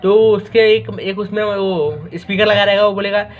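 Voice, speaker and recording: Young male teacher with a Maharashtra accent, high voice, chatty and joking, in a slightly muffled recording with faint hiss. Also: little pitch movement, normal speed, soft background music. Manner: chatty, joking, addresses students as "bhai". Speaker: accounting teacher. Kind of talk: informal recorded lecture.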